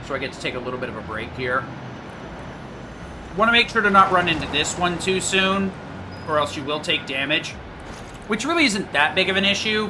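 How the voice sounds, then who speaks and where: Male speedrunner talking over background noise. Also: a little high. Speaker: speedrunner commentating on his own game run. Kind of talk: casual speedrun commentary. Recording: clearly noisy home gaming recording.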